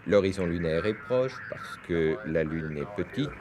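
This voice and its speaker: This man's voice is low and expressive, with a measured pace. Over footage on a noisy 1971 French television newsreel, he gives didactic commentary explaining science for a 1970s news broadcast.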